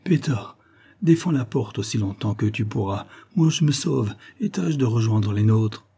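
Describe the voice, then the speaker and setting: A man's voice: lowish voice, expressive, moderate pace, mellow, breathy edge. A man voicing a frightened young woman in an audiobook, urgent and pleading. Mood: resolute. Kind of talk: audiobook character voice.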